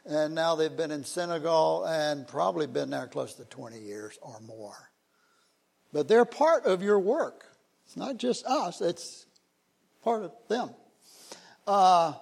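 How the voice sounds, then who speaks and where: Full of fillers and homey in manner, an older man's informal church talk presents missionaries shown on slides. His voice is high, with vocal fry.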